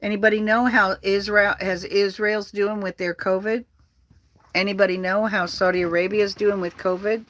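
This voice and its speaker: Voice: medium pitch, level tone, normal speed, fairly bright tone, no room sound. A vlogger delivering an angry political rant, heated, profane and repetitive.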